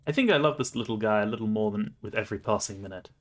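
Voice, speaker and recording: A man's voice: on the low side, racing. Man streamer reading a game aloud. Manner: playful, laughing asides.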